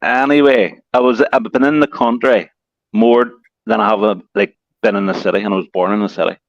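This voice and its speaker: A gravelly Belfast man who rattles off his words at speed, full of slang and loose filler. His voice comes through a dull, dry, lo-fi call line. He is chatting casually as a guest on a livestream. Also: on the low side, steady tone, no echo. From Northern Ireland. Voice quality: fast slurred speech with heavy slang. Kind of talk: casual chat.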